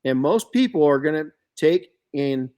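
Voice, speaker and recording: An older man hosting a podcast, telling stories in an animated way with frequent restarts. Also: on the high side, moderate pace. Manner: animated storyteller with many restarts. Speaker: podcast host. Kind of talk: casual podcast chat.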